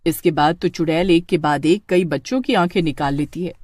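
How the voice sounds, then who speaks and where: A woman narrating a horror story in an expressive, storytelling way. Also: low-pitched, fairly quick, no room sound, studio quality.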